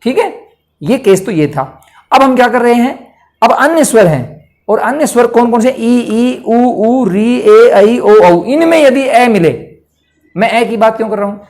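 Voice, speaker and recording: A man's voice: extremely high pitch, lively intonation, unhurried, a little mellow. A man teaching a grammar lesson for exam preparation, patiently explaining step by step and asking the listener questions as he goes.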